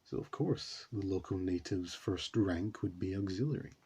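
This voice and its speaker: A man's voice: low voice, normal speed, a little mellow, slightly rough. A man hosting a reaction video, talking casually and rambling with many fillers. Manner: rambling, says you know a lot.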